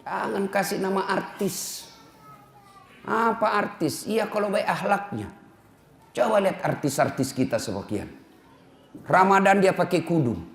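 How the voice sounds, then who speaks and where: Lively joking male preacher. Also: high-pitched, measured pace, gravelly, long pauses. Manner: animated, jokes and acts out dialogue. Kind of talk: humorous sermon.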